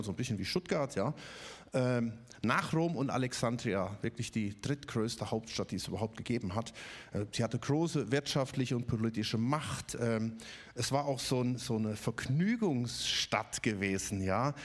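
A man from the Stuttgart region preaching a conversational sermon, with many fillers and little tag questions. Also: mid-range voice. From Ludwigsburg area, Germany.

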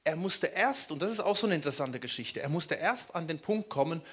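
Husky, animated German preacher. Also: male voice, a little high, a little fast. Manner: animated, asks the listeners questions. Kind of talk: sermon.

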